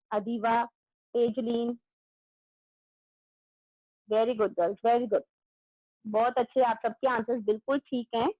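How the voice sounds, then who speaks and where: A woman school teacher giving an online class to young children. She talks loudly, calls out pupils' names and praises their answers. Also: on the high side, no echo. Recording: tinny phone-like audio.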